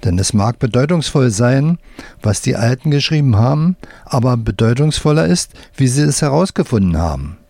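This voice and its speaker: A man's voice: mid-range voice, sing-song, moderate pace, vocal fry, darkish tone, no room sound. A man voicing an insistent, self-important scholar who lectures earnestly, in a told story.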